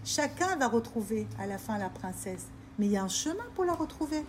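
High-voiced woman preaching emphatically. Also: very animated, brisk, a little hiss or hum. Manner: emphatic, repetitive, questioning listeners. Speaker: religious teacher. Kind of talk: informal Torah talk to women.

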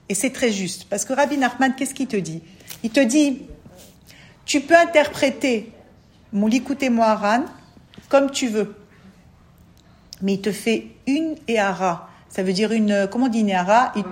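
A woman explaining religious teaching to a listener in an emphatic, coaxing way, often calling for attention. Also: on the high side. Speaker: spiritual advisor.

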